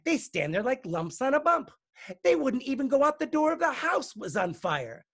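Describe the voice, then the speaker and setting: A man reading a storybook and voicing a bold, loud young farm girl with a shouty, exaggerated, sing-song delivery. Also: extremely high pitch, big pitch swings, normal speed, husky, pitched above the performer's own voice, heavily acted. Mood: scornful.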